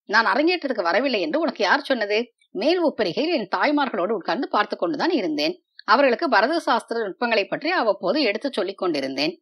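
A woman's voice: medium pitch, big pitch swings, fast, a bit bright, slightly rough. A woman reading as a proud young prince. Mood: hurt. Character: proud young male prince, teasing then tender.

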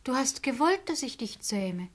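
A woman's voice: high voice, sing-song, measured pace, exaggerated voice. A woman playing an earnest, curious little boy prince who asks childlike questions in a classic radio play.

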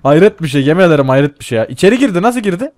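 A young man commentating a team game with a friend, excitable, laughing and swearing often. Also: a little high, rapid-fire, no echo, studio quality. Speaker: gaming channel host. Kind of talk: casual gameplay commentary.

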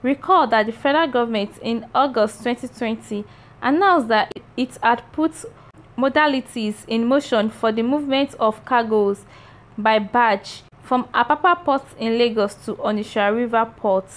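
A woman presenting an online news round-up, reading her script in an even, read-aloud way. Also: a little high, moderate pace.

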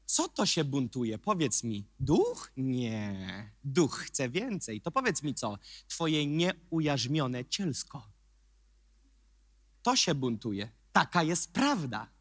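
A man preaching a sermon as pastor, emphatic, swinging from quiet remarks to shouted questions. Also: medium pitch, wildly swooping pitch, slow, husky, no echo, studio quality.

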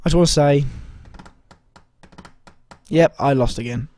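Mellow, slightly hoarse young man. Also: a little high, measured pace, no room sound. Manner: rambling, hesitant, full of ums and self-corrections. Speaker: fantasy football vlogger. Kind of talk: casual video commentary.

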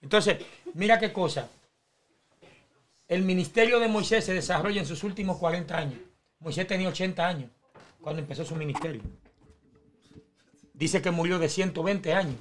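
High-voiced man explaining scripture. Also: normal speed, pauses often, a little hiss or hum. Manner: teaching, explains Bible stories step by step. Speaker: preacher in panel talk.

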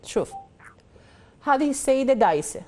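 A woman's voice: sits high, big pitch swings, moderate pace, darkish tone. A woman with an Iraqi accent hosting a call-in astrology show. She quizzes a caller with probing questions, then gives confident pronouncements over a studio mic. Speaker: astrologer host.

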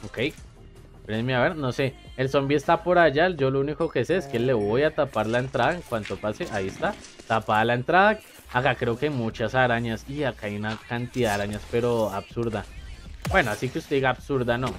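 A man giving chatty, excitable let's-play commentary and talking straight to his viewers. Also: medium pitch, a little fast, faint music behind. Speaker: gamer.

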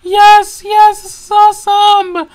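A woman voicing Mario as a jittery, excitable young male racer who stammers, repeats himself and frets aloud in a fan-made toy video. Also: extremely high pitch, moderate pace, faint music behind. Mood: overjoyed.

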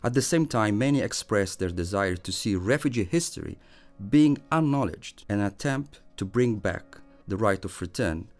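A man reading a scripted, measured narration as a voice-over. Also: fairly low pitch, lively intonation. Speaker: presenter. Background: faint music.

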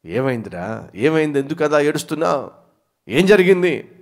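A man's voice: on the high side, very animated, moderate pace, gravelly. Man playing a stern father calling out. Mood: questioning. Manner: demanding, calls out loudly. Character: stern but caring father questioning his son.

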